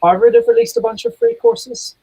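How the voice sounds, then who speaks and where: A man co-hosting a casual video-call chat, cracking dry, deadpan jokes. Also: very high-pitched, fairly quick, low-quality recording. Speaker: co-host.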